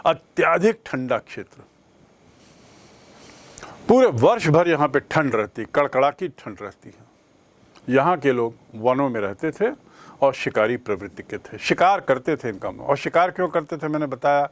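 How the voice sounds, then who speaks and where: A man teaching a history lesson, explaining slowly and repeating key terms for his students. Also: medium pitch, lively intonation. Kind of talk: classroom history lecture.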